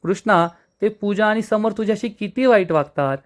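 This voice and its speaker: A man's voice: high-pitched, moderate pace, voice pushed up, natural voice. A man reading the lines of a caring, protective young man, earnest and pleading. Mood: concerned.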